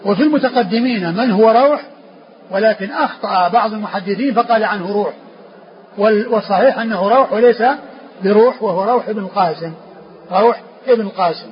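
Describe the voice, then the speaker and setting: Man, high voice, lesson on a classical text, measured and repetitive, dull lo-fi sound with faint hiss. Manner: measured, repeats words, spells out letters. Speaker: teacher of hadith sciences. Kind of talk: explaining a classical text to students.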